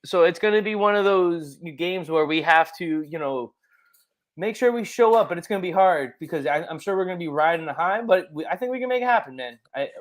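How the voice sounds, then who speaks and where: A young man co-hosting a casual sports podcast, excitable and rambling with lots of fillers. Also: sits high, a little fast. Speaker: podcast co-host.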